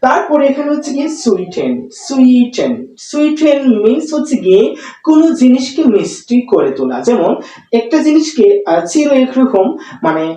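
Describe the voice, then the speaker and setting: A teacher giving a spoken English lesson, explaining slowly and repeating words, recorded from a distance. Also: high-pitched, expressive, warm tone. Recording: echoey room, far from mic.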